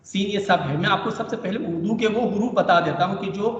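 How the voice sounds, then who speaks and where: A man teaching an online language lesson, patient and repeating each point slowly, heard over a video call. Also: high-pitched. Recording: echoey, distant, dull online class audio.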